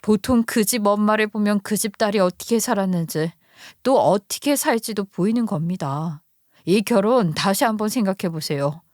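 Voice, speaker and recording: A woman's voice: mid-range voice, moderate pace, a little mellow, no echo, clean studio sound, lightly acted. A woman voicing a young man who is engaged to her husband's sister, speaking in a firm, formal and disapproving way. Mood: stern.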